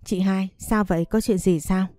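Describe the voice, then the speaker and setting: A woman voicing a sick young girl who pleads softly and gently. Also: medium pitch, steady tone, normal speed, no room sound, clean studio sound, soft background music, lightly acted. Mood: wistful.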